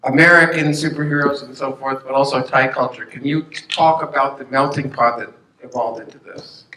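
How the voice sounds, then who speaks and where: A man's voice: mid-range voice, fairly even intonation, fairly quick, sharp tone, a little hiss or hum. A man moderating a festival Q&A, asking questions in a chatty, inquisitive way. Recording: echoey room, heard from a distance.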